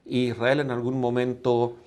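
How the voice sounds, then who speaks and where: Calm chile-born emergency expert. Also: male voice, medium pitch, a little slow. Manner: calm, explanatory with fillers. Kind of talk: interview answers.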